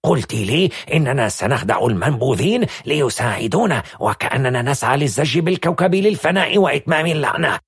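A man voicing an agitated, scheming male intelligence officer in an audiobook, husky and indignant. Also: mid-range voice, animated, fast, hardly any pauses, dry recording, studio quality, pitched above the performer's own voice. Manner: pleading, indignant outbursts. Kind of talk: audiobook character voice.

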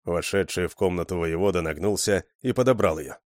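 A man narrating an adventure audiobook in a steady storytelling manner. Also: low voice, fairly quick, no room sound, studio quality. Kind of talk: scripted narration.

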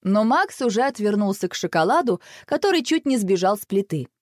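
A woman reading a children's storybook aloud in an expressive, animated way. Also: medium pitch, brisk, no room sound, clean studio sound.

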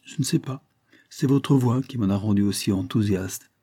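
Brief: gentle husband, voiced by a male reader, calm and even, warm husky tone. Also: lowish voice, moderate pace. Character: mild conciliatory gentleman husband.

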